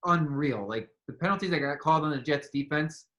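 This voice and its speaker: A man's voice: fairly high pitch, a little fast, a bit bright. A man hosting a casual sports debate, chatty and often laughing at his own points. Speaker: host.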